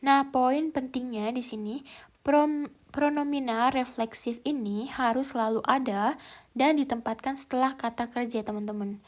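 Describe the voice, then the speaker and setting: A woman's voice: high-pitched, fairly even intonation, normal speed. A woman teaching a language lesson in a casual, explanatory way, hesitant and thinking aloud with many fillers. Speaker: German language tutor.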